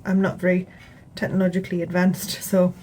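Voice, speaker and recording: A young woman with a British accent talks through her crochet in an easy, rambling way, full of ums and asides. Her voice is soft and mellow, and a faint hiss of room noise sits under it. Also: lowish voice, fairly quick, low-quality recording. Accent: British English. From England. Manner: chatty, relaxed, rambling with fillers. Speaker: crochet vlogger. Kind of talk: casual tutorial chat. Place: home, indoors.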